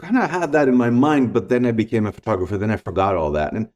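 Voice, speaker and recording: The voice is on the low side and darkish, quick-paced, with the high frequencies cut off. It belongs to a middle-aged podcast guest whose first language is Greek, who reflects and tells stories conversationally, earnestly and emphatically, repeating his main points.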